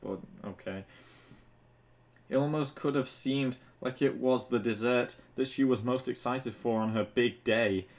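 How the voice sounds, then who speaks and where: A medium-pitched man reading a little slowly narrates fan fiction for an online video. He keeps breaking into casual, mocking asides, swearing here and there.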